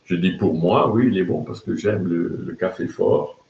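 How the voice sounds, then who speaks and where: Older French-born man as a live-stream host, halting and filler-heavy, in a roomy, dull-sounding recording. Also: low-pitched, gravelly, darkish tone, a little hiss or hum. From France. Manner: hesitant, many fillers and restarts. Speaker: video blog host. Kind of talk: casual storytelling to camera.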